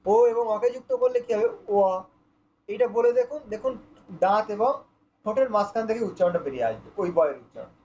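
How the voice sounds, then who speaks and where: A man's voice: sits high, animated, fast talker, a little mellow, highs cut off, a little hiss or hum. A man teaching pronunciation for scripture recitation, patiently demonstrating and repeating each sound for his students. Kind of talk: online pronunciation lesson.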